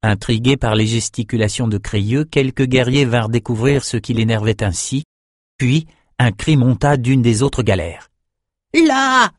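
A man narrating an audiobook in a steady, measured storytelling voice, close to the mic. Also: mid-range voice, no room sound.

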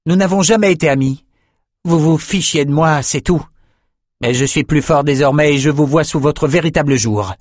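A man's voice: on the high side, moderate pace, darkish tone, no echo, studio quality, voice pushed up, natural voice. A man voicing a proud young swordsman who speaks in a cutting, sarcastic way in a storybook reading. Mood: defiant.

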